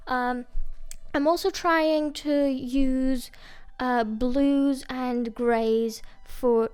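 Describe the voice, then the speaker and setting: A woman's voice: sits high, darkish tone, clear, resonant tone. A woman talking through her digital drawing in a casual voice-over, rambling and hesitant, often restarting and laughing at herself. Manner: self-mocking, laughs at herself. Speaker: digital artist.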